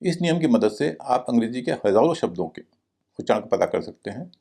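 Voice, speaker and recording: A man's voice: medium pitch, expressive, a little fast, creaky, warm tone. A man teaching a recorded video lesson, explaining step by step and spelling out each word letter by letter. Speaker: English teacher.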